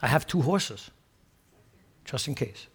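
A man from Switzerland preaching a sermon, emphatic and joking, dropping from loud stressed lines to quiet asides. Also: medium pitch, lively intonation, slow pace, slightly rough. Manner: joking, chuckles at his own remarks.

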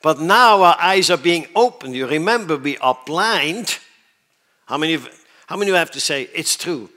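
A Swiss preacher with a voice on the high side delivers a sermon at a moderate pace, animated and bright with a forceful edge. He leans hard on his points and often asks if the audience understands.

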